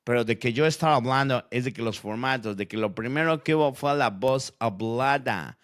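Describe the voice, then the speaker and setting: A man with a mid-range, slightly bright voice, close to everyday speech, talks at a normal pace. In a scripted educational audio drama he plays a logical-minded character who explains and debates how stories work, in an explanatory mood.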